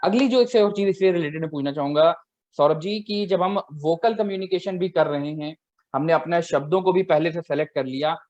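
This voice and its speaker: A man's voice: fairly high pitch, a little fast, a little mellow. A man hosting an interview, politely affirming answers and asking structured follow-up questions. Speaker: host interviewer. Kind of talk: interview conversation. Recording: dull lo-fi sound.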